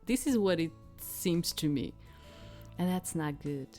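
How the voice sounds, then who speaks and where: Low-voiced woman streamer, non-native English. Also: animated, measured pace, a little mellow, soft background music. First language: not English. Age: adult, grew up before handkerchiefs went paper. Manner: rambling, lots of "like" fillers. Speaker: game streamer. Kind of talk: casual commentary and reading game narration.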